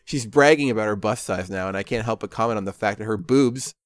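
A man's voice: on the low side, fast talker. A man narrating a game playthrough in a sarcastic, self-mocking way.

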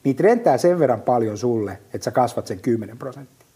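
A middle-aged man with a mid-range, breathy-edged voice appears as a business guest on a casual podcast chat. He's a lively storyteller, speaking vividly and informally, full of fillers and restarts.

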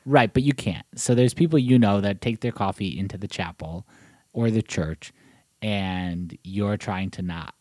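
A man's voice: lowish voice, measured pace, mellow, no echo, clean studio sound. A man hosting a podcast in natural, unscripted casual talk, with a probing, teasing way of talking. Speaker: podcast host.

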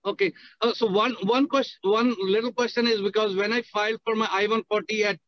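A man's voice: sits high, flat delivery, fairly quick, fairly bright tone, dry recording, muffled recording. A man calling in on a car speakerphone while he drives, steadily and carefully explaining his question in detail. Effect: car speakerphone while driving. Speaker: caller asking a question. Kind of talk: casual question on a call.

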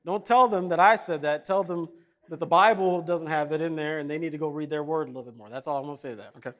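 This Kenyan pastor delivers a casual, jokey sermon full of stories. He speaks fast in a fairly high voice, and his manner is conversational and animated.

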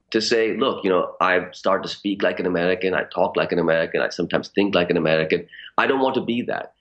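A man in his forties from Pakistan, an author speaking in a radio interview in a measured, thoughtful way. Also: sits low, a bit bright, muffled recording. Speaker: author guest.

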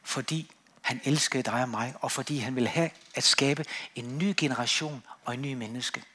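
A man preaching a sermon in a church, emphatic on key words and then dropping quiet. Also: mid-range voice, breathy edge.

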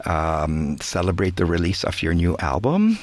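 A man's voice: low voice, sing-song, moderate pace. A man hosting a radio interview, effusive and full of praise for his guest. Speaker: radio host. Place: radio studio.

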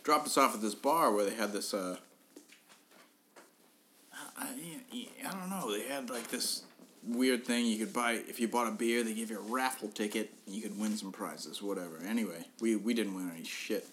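A man's voice: on the low side, normal speed, fairly bright tone, slight background noise. A young man on a podcast telling a funny story in a casual way, swearing often, laughing at his own story and often restarting his sentences. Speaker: podcast co-host.

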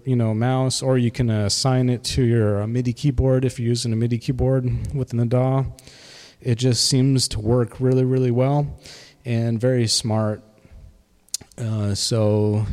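A man giving a casual, halting demo of his music software, with a reverb effect on his voice. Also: medium pitch, clear, resonant tone. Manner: halting, many fillers. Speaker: music producer.

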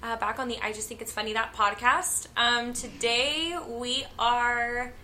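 Woman, podcast co-host, playful casual chat, slightly high bright voice, faint hiss. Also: fairly even intonation, unhurried. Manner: playful, laughing, swearing.

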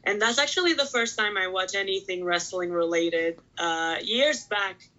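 Woman in her twenties, from Puerto Rico, sharp bright voice, casual chatty guest, muffled recording. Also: mid-range voice, normal speed. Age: 20s. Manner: chatty, peppers talk with "like". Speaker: pro wrestler, podcast guest. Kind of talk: casual chat.

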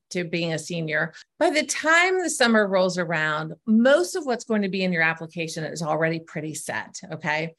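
A middle-aged woman with a mid-range, fairly bright voice appears as a guest on a podcast. She answers interview questions earnestly, explaining her work as an essay coach step by step.

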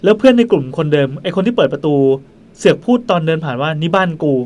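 A man hosting a podcast, telling a ghost story in a quick, chatty way into a studio mic. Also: a little high, animated, darkish tone, a little hiss or hum. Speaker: podcast host.

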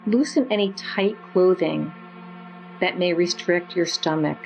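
A woman leading a guided meditation with slow, soothing, gentle instructions. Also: fairly low pitch, gravelly, soft background music.

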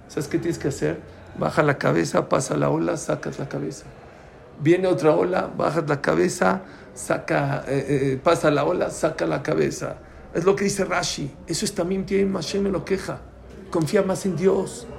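A man's voice: on the high side, vocal fry, a little mellow, slight background noise. A man, a rabbi giving a storytelling sermon who keeps asking his listeners questions. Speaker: rabbi teaching a Torah class.

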